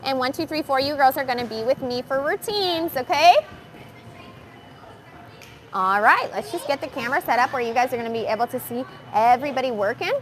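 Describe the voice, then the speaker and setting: A young woman with a high voice coaches kids in an indoor gym. She is upbeat, explaining drills calmly to viewers and then raising her voice to rally the girls. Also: fairly quick. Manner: upbeat, switches between calm explaining and loud calls to the kids. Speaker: gymnastics coach. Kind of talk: live coaching demo addressing kids and viewers. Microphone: wearing the microphone.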